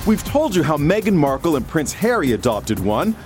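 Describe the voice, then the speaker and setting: A man delivers scripted tabloid TV narration in a dramatic, punchy way. His voice is fairly high and very animated, with music clearly playing underneath. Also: normal speed. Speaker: tabloid TV reporter. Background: music bed.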